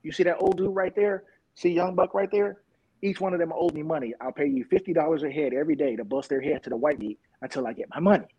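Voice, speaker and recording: Guy putting on a squeaky pushy street hustler, drawly and friendly, husky edge. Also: fast talker, muffled recording. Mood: coaxing.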